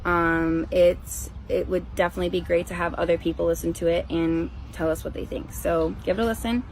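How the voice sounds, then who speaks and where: A woman's voice: on the low side, steady tone, brisk, darkish tone, low-quality recording. A woman ghost investigator talking casually to viewers, explaining in a rambling, conversational way. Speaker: ghost investigator presenting her team's recording. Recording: faint background noise.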